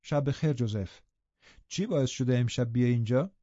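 A man's voice: medium pitch, animated, dark tone, no room sound, lightly acted. Man voicing an anxious, protective housekeeper. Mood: wary. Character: worried middle-aged female housekeeper. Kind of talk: audiobook reading. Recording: dull, dry studio recording.

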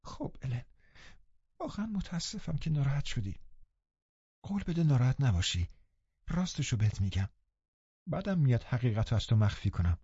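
Man voicing a young woman, raised soft voice, tearful, hushed, audiobook, muffled lo-fi sound. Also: on the high side, sing-song, slightly rough, no echo, voice pushed up. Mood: remorseful. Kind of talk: audiobook reading.

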